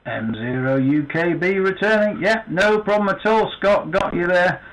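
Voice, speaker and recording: A man's voice: sits high, moderate pace, fairly bright tone, low-quality recording. Chatty northern English man hosting. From northern England. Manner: chatty, joking, many fillers and restarts. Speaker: guest net host. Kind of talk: casual amateur radio chat.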